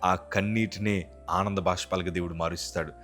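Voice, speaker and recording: Low-voiced man preaching over soft music. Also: fairly even intonation, fairly quick. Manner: earnest, pleading preaching. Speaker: pastor. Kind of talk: devotional sermon.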